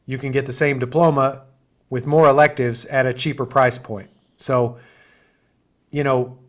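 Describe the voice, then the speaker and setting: This assistant dean, a middle-aged man with a medium-pitched, fairly bright voice, hosts an info session over video call. He explains the programs eagerly and conversationally, sprinkling in asides and fillers.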